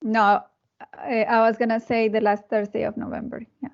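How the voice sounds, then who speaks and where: A woman's voice: fairly high pitch, level tone, moderate pace, muffled recording. A woman answering as a contestant in a quiz game.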